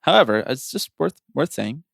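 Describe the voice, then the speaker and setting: A man's voice: medium pitch, big pitch swings, moderate pace, creaky, fairly bright tone, no echo, studio quality. A man co-hosting a podcast in casual chat, joking, laughing often and trailing off mid-sentence. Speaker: podcast co-host.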